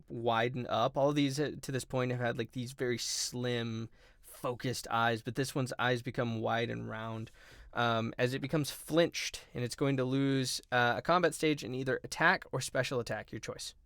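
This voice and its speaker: A man's voice: mid-range voice, clean tone, no room sound, clean studio sound. A man running a tabletop role-playing game as game master, narrating actions with many filler ums. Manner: relaxed, many filler ums, quick rules talk.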